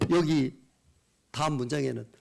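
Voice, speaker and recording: A male pastor preaching a revival sermon in church, impassioned, dropping to hushed whispers and rising to loud cries. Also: fairly high pitch, moderate pace, creaky.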